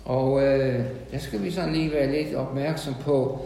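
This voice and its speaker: A man giving an informal sermon to a small meeting, halting and repeating words, then rising to loud emphasis. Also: medium pitch, fairly even intonation, vocal fry, roomy sound, in a large hall, a little hiss or hum, low-quality recording. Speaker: lay preacher.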